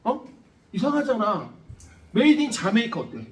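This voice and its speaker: A science lecturer at a cram school, a man with a high voice and huge pitch swings, talks at normal speed to his class. He's blunt and profane, joking and firing questions at students. The room echoes, the mic sits at a distance, and there's slight background noise.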